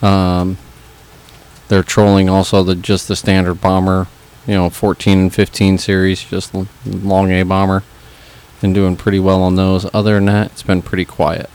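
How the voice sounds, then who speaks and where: A man's voice: sits low, monotone, moderate pace, a little mellow, smooth, low-quality recording. A man giving a matter-of-fact fishing report on the radio. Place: radio studio.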